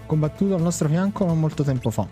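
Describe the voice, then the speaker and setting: Young male game streamer, mellow and fairly high voice, playful, slangy chat over game music. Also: expressive, fast. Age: young adult. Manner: playful, slangy, reads game dialogue aloud. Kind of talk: casual live game commentary, chat with viewers. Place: indoor room.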